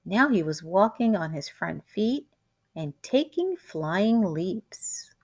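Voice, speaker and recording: Reading a picture book for children, a woman takes on a teacher's style, expressive and deliberately dramatic as she tells the story. She has a mid-range voice.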